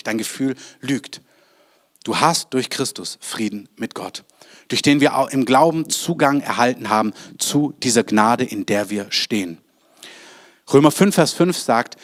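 A man preaching a sermon, speaking earnestly and directly to his listeners and building in fervor as he goes. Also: medium pitch. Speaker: pastor.

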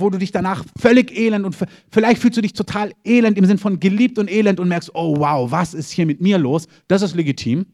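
A man's voice: high voice, a little mellow. A middle-aged man preaching a sermon as pastor, emphatic and repetitive, punctuating his points with calls of "Amen".

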